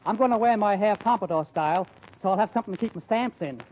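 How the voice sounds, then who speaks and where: A man's voice: high voice, quick pace, close to an everyday voice. A man playing a jovial, folksy sidekick in a 1940s radio comedy. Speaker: comic sidekick. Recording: tinny old broadcast, hiss.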